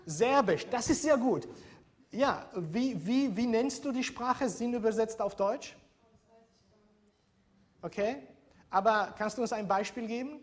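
A man's voice: extremely high pitch, unhurried, long pauses. A man teaching a university seminar, explaining step by step and often checking in with the class. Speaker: university lecturer. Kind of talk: seminar lecture.

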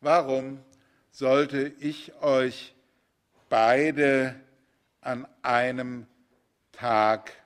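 A man voicing a worried mother who urges her younger son to flee, reciting slowly in biblical style. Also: medium pitch, steady tone. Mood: urgent. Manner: urgent, slow biblical recitation.

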